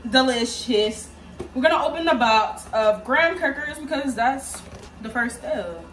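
A young American woman talks casually and playfully to her viewers in slang while hosting a cooking vlog in her small home kitchen. She has a high, somewhat bright voice with lively intonation, speaking a little slowly. The distant phone or camera mic captures noisy kitchen ambience.

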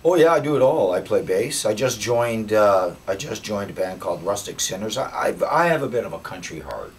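Dutch-born man in his fifties, deep voice, animated rambling interview chat, distant camera mic in a basement room. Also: fairly quick, slight background noise. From Netherlands. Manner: rambling, animated, repeats phrases. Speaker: musician guest. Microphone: camera mic from a few feet away.

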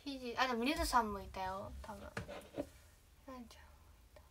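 A young woman chatting casually on a livestream, rambling and often trailing off into soft asides. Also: on the high side, brisk, a little hiss or hum. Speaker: idol trainee livestreaming.

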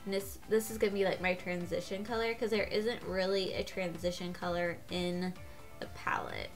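A woman who is congested with a cold gives a chatty makeup tutorial as a beauty vlogger, gushing until she gets out of breath. Her voice is lowish and flat at a normal speed, with faint music in the background.

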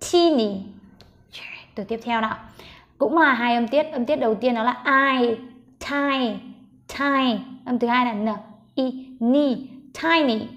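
A woman with a Vietnamese accent teaching English pronunciation to parents, breaking each word into sounds and repeating them slowly. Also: a little high. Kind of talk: slow phonics drill for parents.

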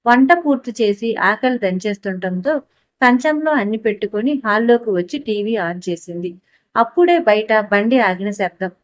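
A woman narrating a scripted story for an audiobook in a steady, even manner on a close mic. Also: mid-range voice, normal speed, no room sound.

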